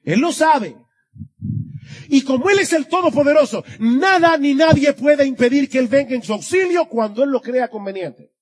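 A man's voice: very high-pitched, lively intonation, normal speed. A man preaching an expository sermon to his congregation, earnest, with a voice that swells and drops for emphasis. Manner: earnest, rising and dropping for emphasis. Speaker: pastor.

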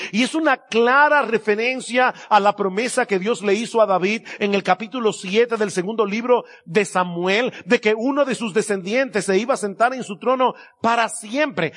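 High-voiced male preacher giving a sermon. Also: fairly bright tone. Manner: emphatic, slows down to stress key words.

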